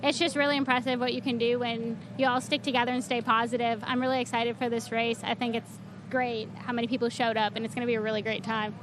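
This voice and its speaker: A woman's voice: a little high, little pitch movement, quick pace. A woman racing driver giving a positive interview after a run. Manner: positive, thanking sponsors. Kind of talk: upbeat post-run interview. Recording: loud trackside engine noise.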